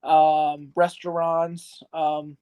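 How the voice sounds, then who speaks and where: A man's voice: on the high side, level tone, drawn-out words, clean tone, narrow, tinny audio. A man in his early twenties, an arcade business owner, talking casually as a guest with lots of fillers and a frank, rambling manner. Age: early 20s. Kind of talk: casual interview chat.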